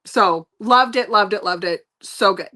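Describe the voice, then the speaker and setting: Bright-voiced woman gushing over books. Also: mid-range voice, a little slow. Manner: gushing, repeats words for emphasis. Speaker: book review co-host. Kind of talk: casual book chat.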